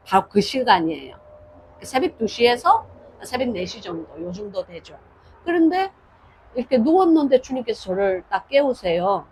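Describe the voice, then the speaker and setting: A woman's voice: a little high, a little mellow, slightly rough, low-quality recording. An older woman pastor preaching a sermon and telling a personal story, acting out dialogue with shifts in voice.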